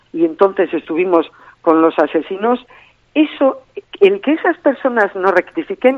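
A woman's voice: low voice, no room sound. Earnest woman on a tinny phone line. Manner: earnest, emphatic, repeats key phrases. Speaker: spokesperson for terrorism victims' group. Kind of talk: radio interview guest by phone. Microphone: telephone.

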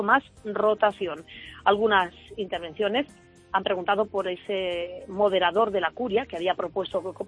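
Husky woman reporting radio news. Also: mid-range voice, low-quality recording. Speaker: radio correspondent.

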